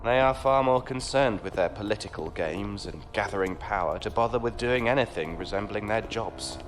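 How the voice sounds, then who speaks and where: A man voices a courtly knight who owns a ship, genteel but condescending, delivering patronizing lines with wry, dry wit. His lowish, everyday-sounding voice moves at a moderate pace, with music playing underneath.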